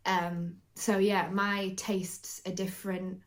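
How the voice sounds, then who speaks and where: A woman's voice: medium pitch, level tone, slow. A woman chatting casually as co-host, giggling often between remarks. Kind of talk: casual chat.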